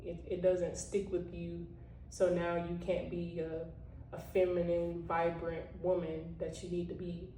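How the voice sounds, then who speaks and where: Her voice is lowish, dark, and monotone, moving a little slowly as this vlogger offers a casual motivational talk to viewers. She leans constantly on "you know" and "like," and the recording has roomy echo, a distant mic, and a faint hiss or hum.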